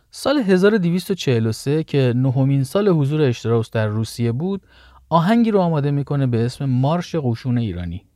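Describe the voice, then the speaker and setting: A man's voice: medium pitch, darkish tone, no echo, clean studio sound. A man narrating a history story in a casual, conversational way, stepping aside now and then to explain things to his listeners.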